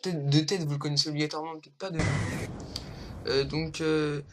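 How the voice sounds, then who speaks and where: A young vlogger hosts a casual countdown, hesitating, using many fillers and wandering into rambling asides. His voice is a little high and fairly flat, his pace brisk, and the low-quality home recording has a noisy background.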